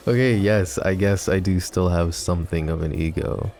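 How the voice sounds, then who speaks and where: In an ASMR roleplay, a male voice actor plays a lovesick, brooding young mafia boss. He speaks softly and intimately in a low-pitched voice, at times dropping to a whisper, and adds wry, self-mocking humor.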